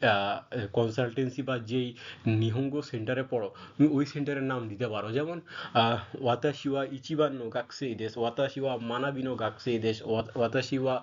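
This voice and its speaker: A man's voice: mid-range voice, steady tone, fairly quick, dull audio. A man teaching a beginner Japanese grammar lesson in a casual, patient way, stopping often to check that students follow. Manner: patient, frequent fillers and check-ins.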